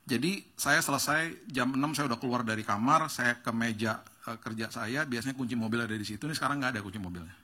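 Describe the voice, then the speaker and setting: Pastor, male, bright voice, a touch husky, animated storyteller. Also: medium pitch, fast talker. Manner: animated, acts out dialogue with rising excitement. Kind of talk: storytelling sermon. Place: church stage.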